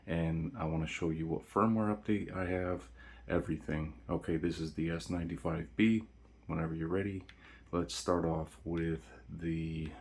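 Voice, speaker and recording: A man hosting a casual walkthrough video, talking quietly at night so as not to wake anyone. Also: low voice, slight background noise. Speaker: video host. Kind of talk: casual gaming TV settings walkthrough.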